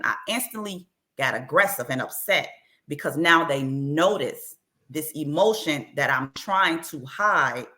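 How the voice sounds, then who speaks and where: A woman author talks candidly in an interview. Her voice sits low yet comes across bright and forceful. She speaks with open earnestness, often circling back over short repeated phrases.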